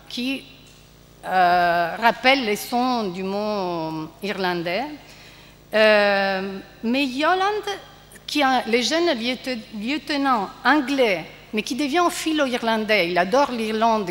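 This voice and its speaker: A woman's voice: mid-range voice, a bit bright. Woman lecturing in an echoing hall. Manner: hesitant, many fillers, reads out quotes. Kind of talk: university lecture on translation.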